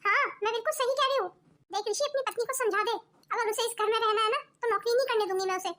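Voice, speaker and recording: A woman's voice: extremely high pitch, fast talker, a bit bright, slight background noise. A woman voicing a domineering, stingy middle-aged mother-in-law in a cartoon, scolding and bossy. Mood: angry, scolding. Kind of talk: cartoon voice acting.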